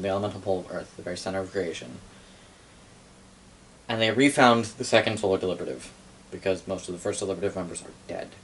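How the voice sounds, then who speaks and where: A low-pitched, slightly bright young male voice, captured in poor audio by a camera mic a few metres off in a living room. He spins game lore off the cuff, wry and sweary, with background noise clearly present.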